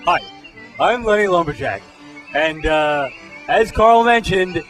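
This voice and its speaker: A man's voice: on the high side, lively intonation, slow, fairly bright tone, soft background music. A man playing a dim but eager lumberjack sidekick in a comic sketch, hesitant, folksy and naive. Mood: naive, cheerful.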